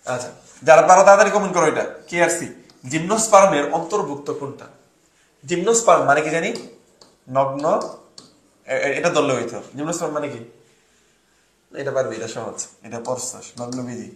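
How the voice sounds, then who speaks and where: A man's voice: fairly high pitch, a little fast, pauses often, roomy sound. A young man from Bangladesh tutoring a live online class, quizzing students and making joking mnemonics. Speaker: admission test tutor.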